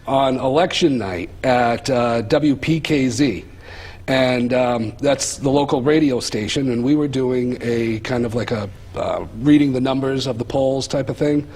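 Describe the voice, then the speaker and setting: A man's voice: mid-range voice, darkish tone, husky. A man hosting a political talk show, hesitant and full of fillers as he introduces topics and questions his guest. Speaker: host.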